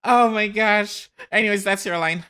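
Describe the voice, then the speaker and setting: A woman's voice: medium pitch, moderate pace, fairly bright tone, clear, resonant tone. A woman chatting casually as host while she voice acts through a video game. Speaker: host of a game dubbing series.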